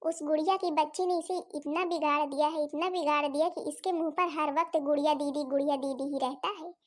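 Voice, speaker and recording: A scheming, shrewish aunt in a cartoon, played by a woman, scolding and sarcastic in a very high, shrill voice. Her Awadhi accent colors every sharp remark. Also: fairly even intonation, brisk, natural voice. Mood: plotting. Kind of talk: cartoon voice acting.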